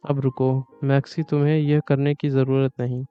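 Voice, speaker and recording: A man voicing a scorned young male mage professor's inner thoughts in a flat, even read. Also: mid-range voice, moderate pace, clear, resonant tone, natural voice. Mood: wry inner thoughts. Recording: dull lo-fi with music behind.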